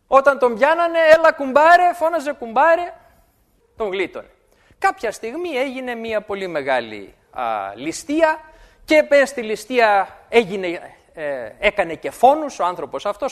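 A man preaching a sermon, animated and repeating words for emphasis. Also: high voice.

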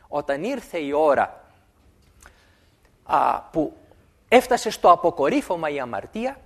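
A man preaching a sermon, animated and repeating words for emphasis. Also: fairly high pitch.

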